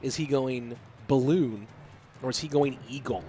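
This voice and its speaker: Between plays, this young man fields viewer questions from chat, casually casting the match on his own. The esports commentator has a stuffy nose from a cold and speaks at medium pitch and moderate pace, with soft music in the background.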